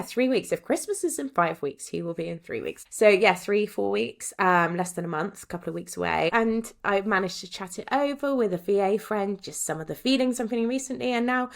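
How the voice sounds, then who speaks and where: Woman in her thirties, solo podcast host; low-set voice with a lot of fry, chatty and self-mocking, near tears. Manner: chatty, self-deprecating, laughs often. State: getting emotional.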